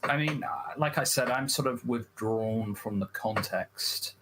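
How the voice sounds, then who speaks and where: A man debating on a livestream, talking in a hesitant, measured way and often restarting his phrases. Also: medium pitch, fairly bright tone. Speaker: debate guest.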